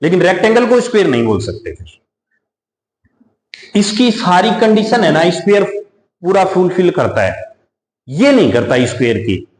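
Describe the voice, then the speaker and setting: A man's voice: sits high, very animated. Echoey male maths teacher explaining a problem. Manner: explains step by step, addresses students as "beta"; reads English problem text slowly. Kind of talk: classroom maths lesson. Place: coaching classroom. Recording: echoey room.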